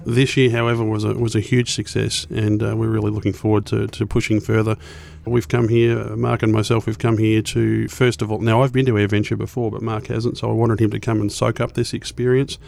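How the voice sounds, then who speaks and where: Australian man, hoarse and gravelly, low flat voice, quick talker, interview guest. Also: slight background noise. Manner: talks fast with restarts, enthusiastic. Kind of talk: casual interview chat.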